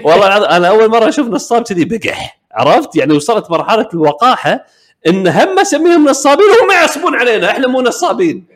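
A man's voice: high-pitched, rapid-fire. A young man with a Kuwaiti Arabic accent, co-hosting a casual podcast chat and acting out the voices in the stories he tells. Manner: animated storyteller, acts out voices in quoted dialogue. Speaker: podcast co-host.

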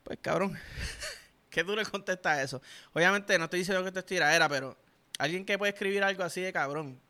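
A young Puerto Rican man with a Puerto Rican accent reacting to music, excitable and emphatic, swearing constantly. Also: high-pitched, fast talker. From Puerto Rico. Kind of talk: reaction commentary. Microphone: headphones while listening.

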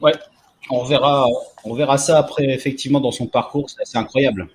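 A man in his forties co-hosting a casual chat, relaxed and talkative with many fillers. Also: mid-range voice, fairly quick, slight background noise. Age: 40s. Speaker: podcast co-host. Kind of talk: casual chat about manga.

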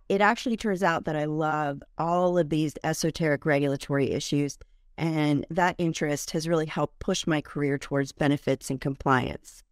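A mature woman with a low-pitched voice presents as a podcast host. Her delivery is conversational but prepared, and the sound is close and dry. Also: clean tone, no room sound. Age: middle-aged or older. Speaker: podcast host and benefits compliance professional. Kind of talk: conversational scripted podcast introduction.

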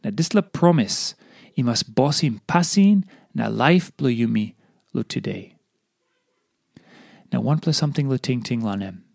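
Papua New Guinean man reading an animated devotional. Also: medium pitch, measured pace, vocal fry, long pauses, dry recording, clean studio sound. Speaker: devotional reader.

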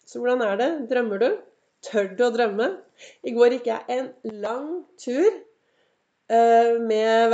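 A woman's voice: on the high side, warm tone, muffled recording. A middle-aged woman hosting a motivational solo podcast from her living room, talking to the listener in an earnest, encouraging way. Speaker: podcast host.

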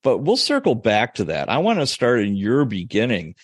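A man's voice: medium pitch, huge pitch swings, moderate pace, slightly rough, no echo, clean studio sound. A man in his forties hosting a podcast, chatting casually and laughing often as he tells stories. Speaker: podcast host. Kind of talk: casual interview chat.

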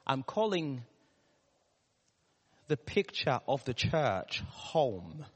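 A man with a Ugandan, East African accent preaching a sermon, putting questions to the congregation, pausing and repeating key words. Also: medium pitch, very animated, slightly rough. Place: large reverberant room, live church service. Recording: echoey hall with long reverb.

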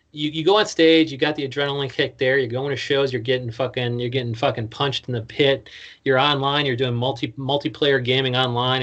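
A man's voice: medium pitch, a bit bright. A man hosting a casual interview podcast, talking in slangy, swear-filled, run-on questions. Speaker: podcast host.

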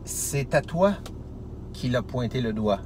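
A man's voice: mid-range voice, lively intonation, slow. A man with a Québécois French accent hosting a casual interview, chatty and speaking straight to his audience. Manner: chatty, addresses viewers directly, repeats for emphasis. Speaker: show host. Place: inside a taxi. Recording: very noisy, inside a car.

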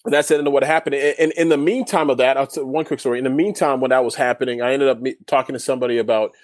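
A man's voice: mid-range voice, steady tone, rapid-fire, no room sound, studio quality. A man, a guest in a casual interview, telling his story in a rambling way with many restarts. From Canada. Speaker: guest, former overseas basketball player.

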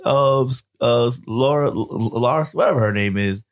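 A man hosting a casual chat, talking in a lively way and jumping up in pitch when surprised. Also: moderate pace.

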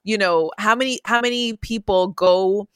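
A woman hosting a casual podcast, full of supportive affirmations for her guest. Her voice sits at a middle pitch, and the recording is dry and close with no room sound. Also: normal speed, a bit bright, clear, resonant tone, no echo. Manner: encouraging, frequent affirmations. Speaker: podcast host.

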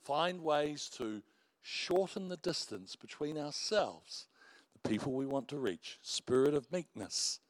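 A middle-aged pastor with a big voice preaches a sermon, pitched on the high side and unhurried, with no room sound at all. He's an animated storyteller, full of warm asides and self-mocking laughs.

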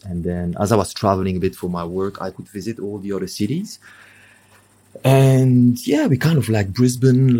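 A man's voice: low-pitched, warm tone. A man in his thirties from Congo, talking as a guest in a casual interview, rambling with many fillers and restarts.

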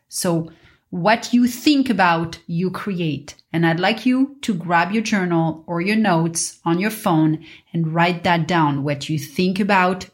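A woman podcast host teaching in an earnest, instructive spiritual guru manner, in a motivational monologue. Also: lowish voice.

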